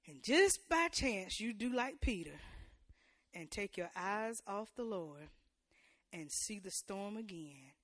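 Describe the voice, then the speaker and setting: A woman preacher delivering a sermon in church. She uses call-and-response and playful asides to the congregation, and her preaching builds to loud, emphatic peaks. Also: mid-range voice, lively intonation, slow pace, no echo, studio quality.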